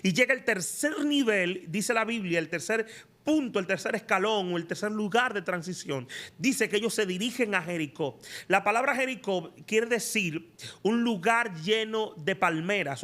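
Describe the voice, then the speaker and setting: A man's voice: high voice, expressive, normal speed, bright, forceful tone. A man preaching a sermon as a prophet and teacher, asking emphatic rhetorical questions. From Latin America.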